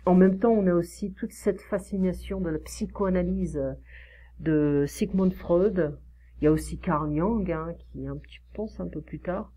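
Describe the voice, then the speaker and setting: A French woman tutoring French one-on-one, explaining slowly with many fillers and modelling pronunciation. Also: lowish voice, dark tone, slightly rough. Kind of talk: one-on-one online French lesson.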